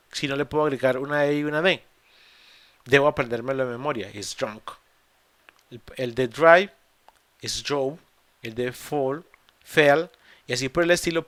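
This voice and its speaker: A man's voice: on the high side, a bit bright, no room sound. Patient Spanish-speaking male English teacher. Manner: patient, explains step by step with many fillers and restarts. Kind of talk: online class explanation. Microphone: computer mic in a video call.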